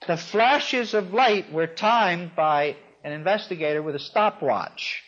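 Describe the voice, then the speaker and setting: Wry high-voiced man lecturing slowly. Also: a bit bright. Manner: wry, dryly amused storyteller. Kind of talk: storytelling lecture. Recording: dull lo-fi recording.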